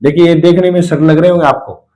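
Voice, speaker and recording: A male Hindi lecturer giving a spelling lesson, explaining patiently and repeating each word slowly. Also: fairly high pitch, steady tone, darkish tone. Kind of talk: classroom lesson on correct spelling.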